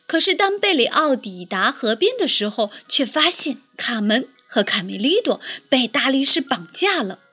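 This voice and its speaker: A woman narrating a children's picture-book story in a lively, expressive way. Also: high-pitched, moderate pace, hardly any pauses, husky, soft background music.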